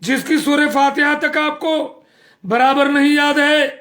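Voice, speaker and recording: A man's voice: very high-pitched, fairly even intonation, sharp tone. A man preaching a sermon, earnest and scolding, repeating phrases for emphasis.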